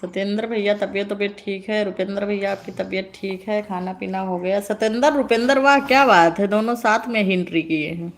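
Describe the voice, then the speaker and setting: A woman's voice: medium pitch, brisk, hardly any pauses. Playful woman hosting a live stream. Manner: playful teasing, frequent laughter. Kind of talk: casual live-stream chat reading comments.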